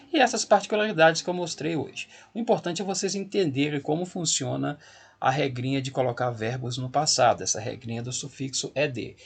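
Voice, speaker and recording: A man's voice: mid-range voice, vocal fry, slightly rough. A man teaching an English grammar lesson to school students, explaining patiently and repeating key points to reassure them.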